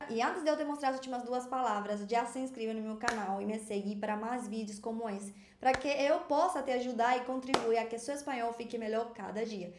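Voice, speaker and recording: Lively Spanish teacher, woman, echoey room. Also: on the high side, a little hiss or hum. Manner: animated, chatty, often checks in with the learner. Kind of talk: video language lesson.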